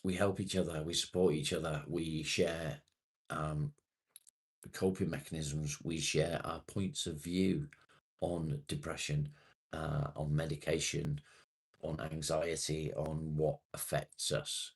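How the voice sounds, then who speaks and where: Speaking slowly in a husky bass with vocal fry and a level tone, this man hosts a laid-back livestream. In his late forties, he reads viewer comments and chats matily with them, letting a swear slip now and then.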